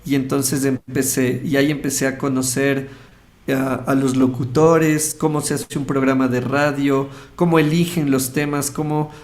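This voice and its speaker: Medium-pitched and a little mellow, this man's voice moves little in pitch and runs at normal speed. With an Ecuadorian Spanish accent, he is a radio host who, as an interview guest, casually recounts a personal story and performs bits of the dialogue.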